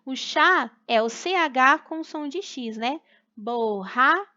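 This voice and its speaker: A bright, fairly high-voiced young woman with a Brazilian Portuguese accent teaches children, drawing each syllable out slowly and patiently. The recording sounds dull and lo-fi. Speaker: primary school teacher. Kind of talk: recorded remote class for children.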